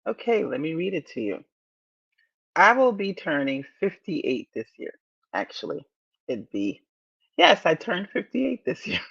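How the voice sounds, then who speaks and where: Motivational host, woman in her fifties; slow and deliberate, repeats her points, slightly dull lo-fi recording. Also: lowish voice, big pitch swings, creaky, a bit bright, breathy edge. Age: 50s. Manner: deliberate, repeats key phrases, encouraging. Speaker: podcast host. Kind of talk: motivational podcast talk.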